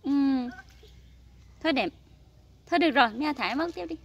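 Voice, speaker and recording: A woman's voice: high voice, expressive, a little fast, a bit bright, muffled recording. A woman outdoors by a pond, talking to a small child in a sing-song, encouraging way and mixing in English praise. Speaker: parent filming her child. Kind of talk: coaxing talk to a small child.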